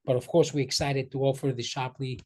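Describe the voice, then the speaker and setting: On a video call, a New York-born man of Greek heritage casually pitches his company's products, speaking earnestly with a slight Greek accent and repeating words frequently. His medium-pitched, dark voice moves little in pitch and runs a little fast.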